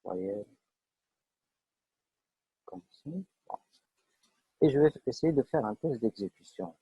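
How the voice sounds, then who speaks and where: A man's voice: mid-range voice, lively intonation, brisk, warm tone, husky, dry recording. A man teaching a live online programming class, explaining step by step with frequent fillers and checks that students follow. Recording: dull lo-fi online class audio.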